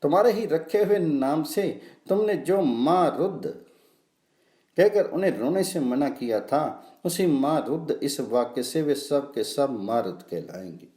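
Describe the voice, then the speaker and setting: Devout mother goddess, imploring, lively rise and fall, mellow tone, roomy echo, voiced by a male reader. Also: on the high side, unhurried. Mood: pleading. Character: devout mother goddess Diti, pleading, gentle.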